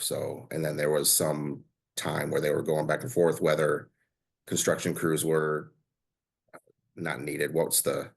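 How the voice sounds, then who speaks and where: A man in his forties, a podcast guest speaking casually, pausing and searching for words. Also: rumbling low, vocal fry, husky. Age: 40s.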